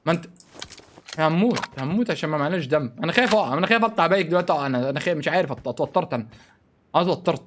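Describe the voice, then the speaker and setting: A young man with an Egyptian Arabic accent gives live commentary on a mobile shooter game. He sounds excitable and panicky and keeps pleading with his teammates for help. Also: a little high, very fast. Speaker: gaming streamer.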